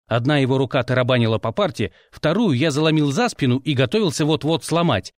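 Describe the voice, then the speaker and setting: A man's voice: medium pitch, expressive, fast, dry recording. A man reading a first-person audiobook with dry, wry storytelling. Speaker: audiobook narrator.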